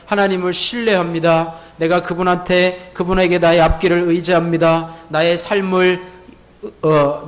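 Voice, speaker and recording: A male pastor preaching a Sunday sermon in a church. He asks the congregation rhetorical questions, repeats key words, and has them repeat lines after him. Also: sits high. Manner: leads the congregation in call-and-repeat. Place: church sanctuary.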